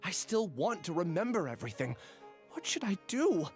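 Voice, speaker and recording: A man's voice: high-pitched, big pitch swings, normal speed, faint music behind. An actor playing an uneasy, earnest young man in a video game who has lost his memory.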